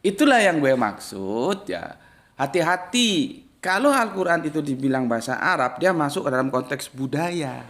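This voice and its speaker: A man giving a casual religious lecture as an Islamic study teacher, blunt and slangy, jumping from loud emphatic bursts to low muttered asides. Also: big pitch swings, moderate pace.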